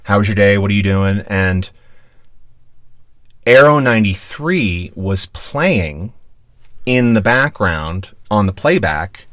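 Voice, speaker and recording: A man from Pennsylvania with a low, deep-set voice spins a rambling story as a podcast guest. He swears freely and keeps it loose and animated. The sound is dry and close, with no room echo. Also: slow, long pauses. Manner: profane, animated anecdote-telling. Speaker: guest, former radio DJ.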